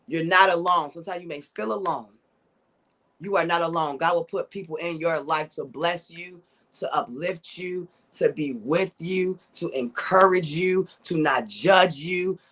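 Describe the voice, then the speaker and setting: Earnest faith-driven woman podcast host. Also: deep voice. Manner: earnest, faith-filled, speaks straight to listeners; loose and conversational, self-correcting. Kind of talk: heartfelt solo podcast monologue.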